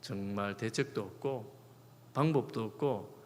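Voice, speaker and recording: A man's voice: fairly low pitch, unhurried. A middle-aged male pastor preaching a sermon, acting out quoted prayers and words in shifting tones. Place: church sanctuary. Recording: long hall reverb.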